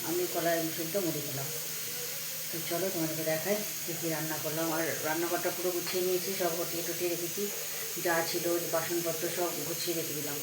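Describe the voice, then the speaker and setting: A woman's voice: low voice, very noisy. A woman in her thirties chatting casually to viewers as she cooks and tidies at home, recorded on a phone camera. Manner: chatty, homely, addresses viewers as friends. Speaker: home vlogger. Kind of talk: casual daily-life vlog narration. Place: home kitchen and rooftop.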